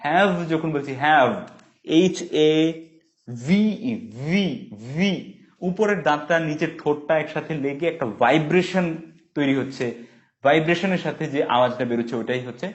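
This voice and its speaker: Man teaching English in a Bengali accent. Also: a little high. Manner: slow drilled English phrases, quick explanations. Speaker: English tutor. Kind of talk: bilingual spoken English lesson. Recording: dull lo-fi sound.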